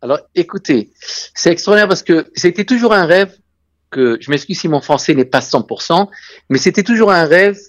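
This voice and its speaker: A real estate and tourism businessman, appearing as an interview guest, speaks French with a foreign Israeli accent while conversationally sharing travel anecdotes and emphatically repeating key phrases. His voice is a little high and animated at a normal speed, and the recording is dry.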